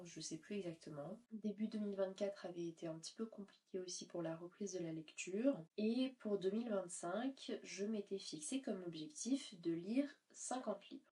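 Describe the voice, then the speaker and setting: A woman's voice: medium pitch, mellow. A woman vlogging about books in a casual chatty way, her voice nasal and stuffy from a cold. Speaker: book vlogger. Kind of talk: casual chat to camera. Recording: voice a little far from the mic.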